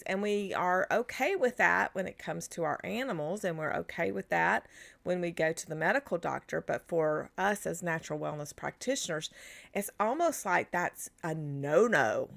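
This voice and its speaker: A woman's voice: fairly low pitch, expressive, moderate pace, vocal fry, fairly bright tone. A middle-aged woman giving a chatty live-streamed coaching talk to wellness practitioners, rambling with restarts and asides. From United States. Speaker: business coach for natural health practitioners.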